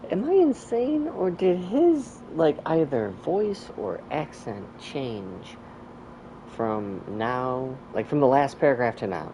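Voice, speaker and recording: Brief: woman streamer, low mellow voice, casual rambling commentary full of "like". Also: slow, a little hiss or hum, rough recording. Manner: chatty, rambling, lots of "like", animated asides.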